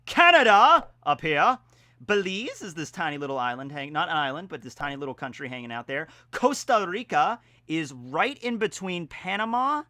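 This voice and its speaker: A man talking casually in a home vlog, with playful mock-grandiose announcing, theatrical emphasis and drawn-out words. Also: fairly high pitch, big pitch swings, sharp tone, no room sound, studio quality. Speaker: vlogger. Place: indoors at home.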